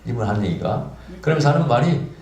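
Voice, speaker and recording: A man preaching as pastor, telling a story with lively acted-out dialogue. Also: medium pitch, fast talker, reverberant. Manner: animated, acts out dialogue in the story. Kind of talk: storytelling sermon.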